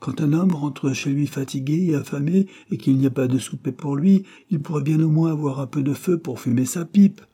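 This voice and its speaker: A man's voice: fairly high pitch, normal speed, hardly any pauses, mellow, slightly rough, voice pushed up. A man voicing a meek, timid little working man who speaks plaintively and hesitantly.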